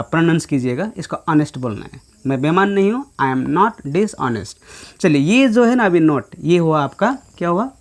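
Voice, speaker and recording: A man teaching an English grammar lesson, explaining in Hindi mixed with English and asking his listeners rhetorical questions. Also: high-pitched. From India. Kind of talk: grammar lecture.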